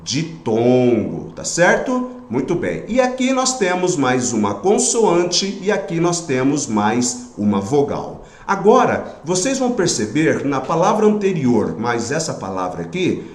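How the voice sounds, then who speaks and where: A man teaching a grammar lesson in Brazilian Portuguese, patient, pausing often to check that students follow. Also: medium pitch, huge pitch swings, reverberant.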